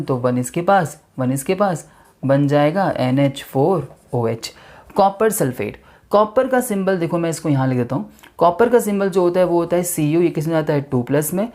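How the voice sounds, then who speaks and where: A man's voice: a little high, warm tone. A male teacher giving a chemistry lesson, who keeps asking rhetorical questions and then answers them himself.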